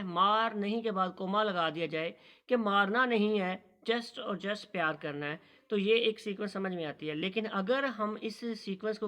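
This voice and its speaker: A man giving a recorded lesson on punctuation, reading English lines slowly and explaining them patiently. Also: high-pitched, a bit bright. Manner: slow, careful reading of English lines, then explaining in Urdu; addresses students as "beta". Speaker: teacher.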